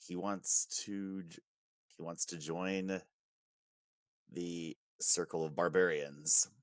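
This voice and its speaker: A male tabletop player thinks aloud slowly and hesitantly, with plenty of fillers. His voice sits low, his pace is very slow, and the sound is dry and close. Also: flat delivery, no room sound. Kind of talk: casual play chat.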